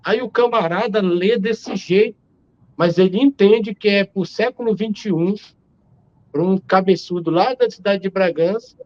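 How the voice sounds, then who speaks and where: A Brazilian man in his forties argues his point with emphasis, piling up rhetorical questions. His voice sits a little high. The sound is dull and lo-fi, as over a video call. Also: unhurried, a little mellow. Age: 40s. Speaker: theologian guest. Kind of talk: live-stream discussion.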